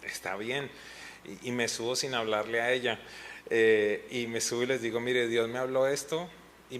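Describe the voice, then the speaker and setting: Man, middle-aged pastor, mid-pitched voice, earnest, emotional storytelling, faint background noise. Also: fairly bright tone. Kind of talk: testimony in a pastors' panel talk.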